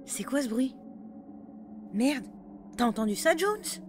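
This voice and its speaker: A jumpy female soldier in a horror audio drama, voiced by a woman. She talks in quick, teasing banter, and her high voice leaps around a lot. A faint hiss sits behind her lines. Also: very animated, darkish tone, full character voice. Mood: curious.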